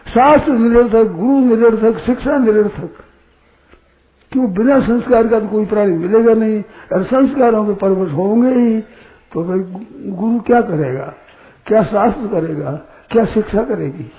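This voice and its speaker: Older man, spiritual discourse, high voice, mellow tone, rhetorical questions. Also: rough recording. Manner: storytelling, rhetorical questions, slow and deliberate.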